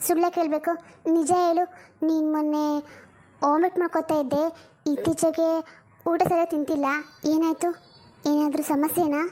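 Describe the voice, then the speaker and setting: A woman's voice: high-pitched, little pitch movement, moderate pace, long pauses, dark tone, natural voice. A woman voicing a worried elder sister who works as a poor housemaid and lectures her younger sister with proverbs. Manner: lectures and scolds, uses proverbs.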